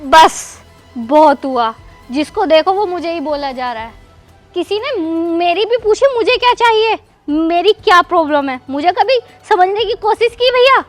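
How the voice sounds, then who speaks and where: An actress with a Haryanvi accent playing a stubborn, fashionable aunt who is sharp and defensive. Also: female voice, high voice, lively intonation, measured pace, soft background music. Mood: indignant. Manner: sharp and defensive, then pleading. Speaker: actor in a rural family film.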